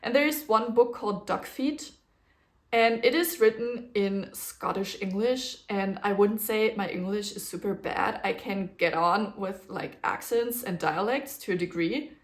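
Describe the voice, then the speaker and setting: A young woman from a German-speaking region, who grew up with a German dialect, hosts her own podcast in English with a German accent. Her mid-range voice is unhurried, and she chats casually, rambling a little with fillers and small laughs.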